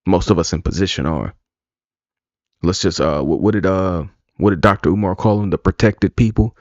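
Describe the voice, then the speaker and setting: A man's voice: deep voice, normal speed, a little mellow, no room sound. A man streaming live, talking casually, rambling and bluntly profane. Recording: dull lo-fi dry sound.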